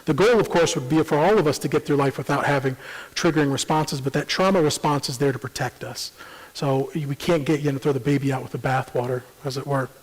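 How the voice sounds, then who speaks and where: A man presenting a parenting seminar in a church, explaining at a measured pace with frequent ums and uhs. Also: mid-range voice, breathy edge. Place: church sanctuary. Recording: long church hall reverb.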